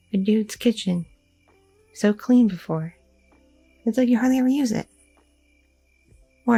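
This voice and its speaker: In an intimate ASMR audio roleplay, a woman acts a young goth girlfriend who is chatty and teasingly curious, rambling casually in everyday slang. Her voice sits on the high side, soft-edged and mellow, with a husky grain and crackling vocal fry.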